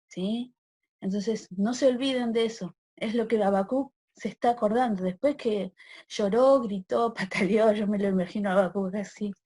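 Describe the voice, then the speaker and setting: A woman's voice: medium pitch, a little mellow, husky. A pregnant woman in her forties with a Rioplatense Spanish accent, teaching the Bible to a women's church meeting in a conversational way and checking in with her listeners. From Argentina. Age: 40s. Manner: asks the listeners for agreement with a rising sí; acts out prayers and quoted complaints in changed voices.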